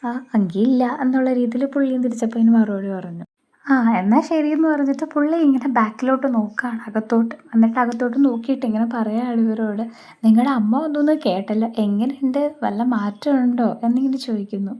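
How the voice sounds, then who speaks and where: Woman, Malayali accent, chatty serial recap, higher voice, mellow tone. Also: fairly quick. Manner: chatty, retells the characters' lines in her own voice. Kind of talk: casual retelling of a TV serial episode.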